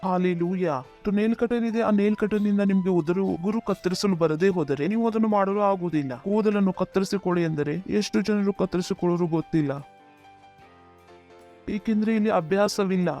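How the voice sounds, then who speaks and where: A man's voice: high-pitched, normal speed, dark tone, faint music behind. A male pastor preaching a sermon, often calling out "Praise the Lord" and asking the congregation to repeat after him.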